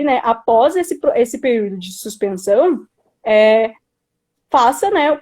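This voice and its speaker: A woman's voice: high-pitched, darkish tone. A young Brazilian woman giving informal political commentary as a student activist, speaking earnestly and hesitantly with frequent tag questions. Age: young adult.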